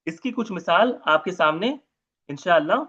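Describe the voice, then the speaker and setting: A man's voice: high-pitched, expressive, moderate pace, sharp tone, breathy edge, highs cut off. A man teaching an Arabic grammar lecture, repeating terms and asking his students questions as he goes.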